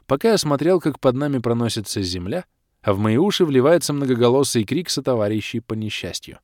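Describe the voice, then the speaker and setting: A man narrating a first-person fantasy audiobook with wry, lively storytelling. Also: mid-range voice, no room sound, studio quality.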